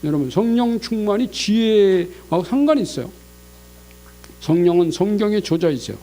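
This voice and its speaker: Animated high-voiced male pastor preaching. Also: moderate pace. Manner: animated, acts out God's scolding voice. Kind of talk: Sunday sermon. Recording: mains hum in the background.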